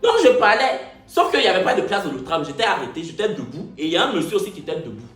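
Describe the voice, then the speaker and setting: A man's voice: high-pitched, racing, reverberant, background noise. A man in his twenties with an Ivorian French accent, telling a comic story from his life on his video channel. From Ivory Coast. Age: 20s. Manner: animated, joking, repeats phrases. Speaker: YouTuber.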